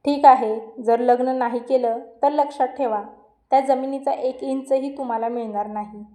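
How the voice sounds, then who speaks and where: A woman voicing a stubborn, bullying middle-aged uncle who speaks loudly and scolds. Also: high-pitched, flat delivery, moderate pace, natural voice. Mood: angry. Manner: loud, scolding. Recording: roomy echo.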